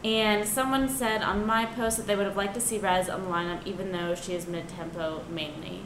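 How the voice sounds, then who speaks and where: A woman's voice: medium pitch, steady tone, normal speed. Enthusiastic young woman in a noisy, echoey room. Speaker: podcast co-host. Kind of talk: casual chat. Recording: roomy echo, clear background noise.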